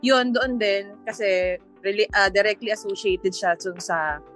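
A Filipino woman in her thirties answering as a podcast guest, mixing Tagalog and English in the same sentences and pausing to search for words. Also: medium pitch, a bit bright, soft background music. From Philippines. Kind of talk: conversational interview answers.

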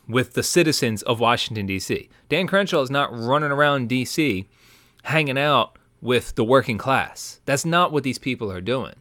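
A man's voice: mid-range voice, dry recording, studio quality. A man hosting a podcast, delivering an opinionated, emphatic sports talk monologue full of rhetorical questions. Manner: animated, emphatic, rhetorical questions and frequent "right?". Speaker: podcast host.

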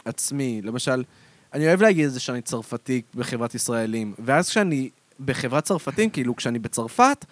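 A man with an Israeli accent chatting casually as a podcast co-host, slangy and animated. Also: medium pitch, no room sound. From Israel, born in France and moved at age five.

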